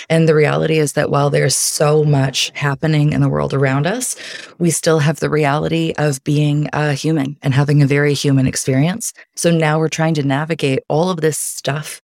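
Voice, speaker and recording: A low-pitched woman with vocal fry speaks in clean studio sound with no room noise. As a podcast guest in a casual interview, she chats warmly and earnestly about coping, giving advice and laughing often.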